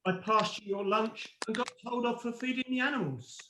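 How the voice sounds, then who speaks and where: A man's voice: very high-pitched, a little fast. A man playing a vain, pompous pantomime ugly sister, grandiose and scornful in broad stage style. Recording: roomy echo, faint noise, clicks.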